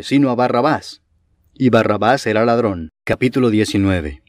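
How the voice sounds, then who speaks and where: A man reading scripture aloud in a measured, solemn way, slowing on key phrases. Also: on the low side, a little mellow, dry recording, clean studio sound. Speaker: Bible reader.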